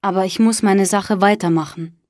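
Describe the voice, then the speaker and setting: A woman reading the lines of an earnest, gentle young man in an audiobook, speaking softly and sincerely. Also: mid-range voice, steady tone, moderate pace, no echo, clean studio sound, natural voice. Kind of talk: audiobook dialogue.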